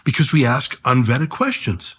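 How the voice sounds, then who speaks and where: A man's voice: medium pitch, big pitch swings, moderate pace, a bit bright, slightly rough. A middle-aged man, a journalist and podcast guest, arguing his points punchily and counting them off one by one. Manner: punchy, argumentative, enumerates points. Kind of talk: podcast conversation.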